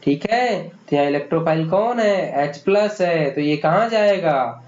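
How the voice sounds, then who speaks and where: Brief: high-pitched male chemistry tutor quizzing himself, dull lo-fi track. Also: animated, unhurried, darkish tone. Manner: asks questions and answers them himself, calls students "beta". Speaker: chemistry teacher. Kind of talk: exam-prep lecture. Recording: echoey room, dull lo-fi sound.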